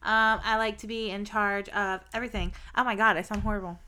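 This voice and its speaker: A young woman telling blunt, profane stories in a casual candid chat, animated and swearing freely. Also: medium pitch, fairly quick.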